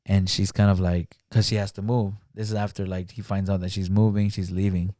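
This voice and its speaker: Guy on a podcast, lowish mellow voice, dry close sound, keeps saying like, acts out movie lines. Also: flat delivery, no room sound. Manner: retells film scenes, acting out the lines; halting, many "like" fillers. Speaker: podcast guest. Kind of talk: casual podcast chat. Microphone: studio podcast mic.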